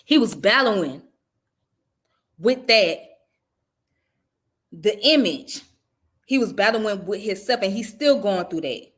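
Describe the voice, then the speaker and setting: On her casual commentary vlog, the channel's host, a woman who grew up in the American South, speaks bluntly and profanely in a conversational way. Her medium-pitched voice has lively intonation, and she talks slowly, with long pauses.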